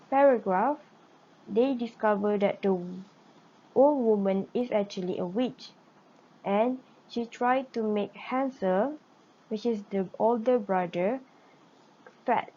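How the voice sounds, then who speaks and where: Slow, careful woman teacher. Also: medium pitch, warm tone, highs cut off. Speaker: primary school English teacher. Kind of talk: recorded online lesson and story read-aloud.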